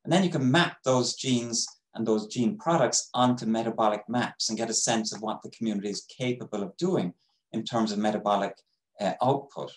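A man giving an academic webinar lecture over a video call, explaining in a measured way with frequent pauses. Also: fairly low pitch, roomy sound, rough recording. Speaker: microbiology professor giving a webinar talk.

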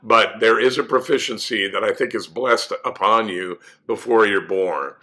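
An older man from California, hoarse from a cold, tells stories as a guest musician in a casual interview. His voice is fairly low and moderately paced, his manner relaxed. The setting is a home music room with guitars.

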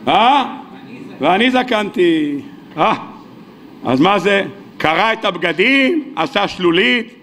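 A man's voice: high-pitched, expressive, sharp tone. A male rabbi gives a sermon. He tells stories animatedly, acts out the dialogue and puts questions to his listeners. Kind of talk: sermon with storytelling. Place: weekly sermon hall.

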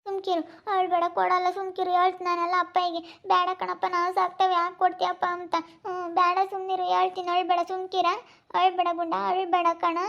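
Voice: extremely high pitch, monotone, brisk, gravelly, a bit bright, dull audio, full character voice. A young performer playing a caring elder sister who coaxes her crying brother, with a rural Hiriyur accent. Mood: soothing. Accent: Hiriyur rural Kannada. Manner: soothing, coaxing.

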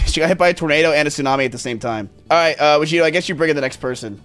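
Quick pace, man in his twenties, blunt teasing livestream host, close microphone. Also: a little high, a bit bright, clean tone, soft background music. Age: 20s. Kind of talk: casual reactive chat. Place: decorated indoor room. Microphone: close boom microphone.

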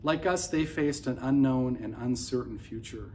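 A man's voice: medium pitch, moderate pace, warm tone, slight background noise. A middle-aged man, a pastor, preaching an earnest sermon to a camera at close range in an indoor room. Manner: earnest, gestures with open hands while preaching. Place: indoors by a large window facing office towers.

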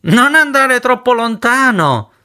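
A man's voice: very high voice, normal speed, voice pushed up. A man voicing a spiteful, mocking boy with troll teeth who calls out taunts. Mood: taunting. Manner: shouting after, taunting.

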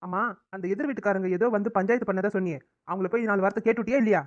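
A man voicing a young man, a worried brother, talking in a brisk, practical way in a cartoon. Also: sits high, fairly even intonation, natural voice. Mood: urgent. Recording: dull, lo-fi recording.

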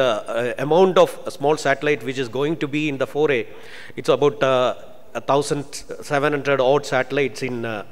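A middle-aged man, a launch vehicle project director, speaking at a conference panel in a halting, measured way with many fillers, from a podium microphone on a large hall stage. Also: fairly high pitch. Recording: long reverb of a conference hall.

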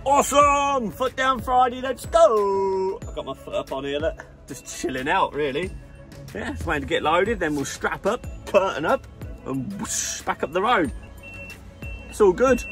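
Talking to viewers as he works, this man keeps up playful, chatty commentary from his truck cab and out in the open loading yard. His voice is high and fairly bright, lively in intonation and at a normal pace, with faint music in the background.

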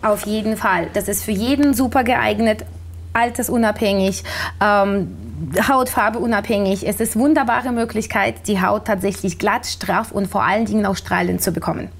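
A woman's voice: mid-range voice, steady tone, normal speed, vocal fry. A woman in her thirties giving an infomercial testimonial as an interview guest in a TV studio.

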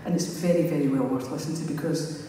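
A woman's voice: sits low, fast, warm tone. A Scottish woman chats from the stage between songs, wandering from thought to thought and laughing at herself. Her voice carries from a distance through a big, long-ringing concert hall, with a faint hum of the room behind her. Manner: chatty, rambling, self-mocking. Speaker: singer talking to a concert audience. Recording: echoey hall from far off.

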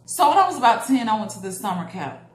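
A woman's voice: a little high, fast. A woman in her thirties, a parent, telling a personal story in a casual vlog and acting out the people in it. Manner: animated, acting out quoted voices with laughs. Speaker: parent vlogger. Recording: echoey room, faint background noise.

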